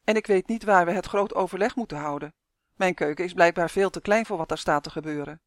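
A woman's voice: fairly low pitch, fast, no echo, close to an everyday voice. A kindly baker woman from a storybook, as a woman reads her part. She talks in a plain, reassuring way. The voice sits close and dry. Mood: calm.

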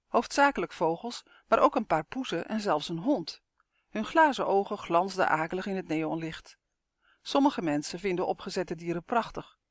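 Steady audiobook narrator, dry close sound. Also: medium pitch, no room sound. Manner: steady, measured storytelling. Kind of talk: audiobook narration of a suspense novel.

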